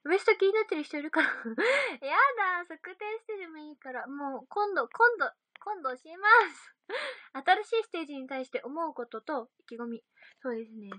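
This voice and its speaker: Young woman, casual livestream chat, giggly and chatty, high bright voice, dry close mic. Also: expressive, normal speed, no echo. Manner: giggly, chatty, reacts to comments. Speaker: idol livestream host.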